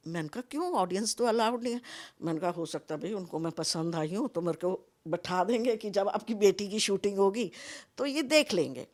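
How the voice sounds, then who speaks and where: A woman's voice: mid-range voice, fairly quick. An older woman, mother of a contestant, chatting in an interview and acting out the dialogue of her stories. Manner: chatty, expressive storyteller who acts out quoted dialogue. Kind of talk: casual interview chat mixing Hindi and English.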